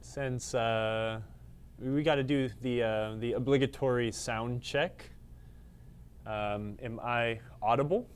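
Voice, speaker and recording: A man with a mid-range, smooth voice speaks slowly in a steady tone. He's hosting a casual livestream from a studio space at his workplace, rambling and joking at his own expense while he fiddles with the camera and lights, talking to himself as he adjusts things.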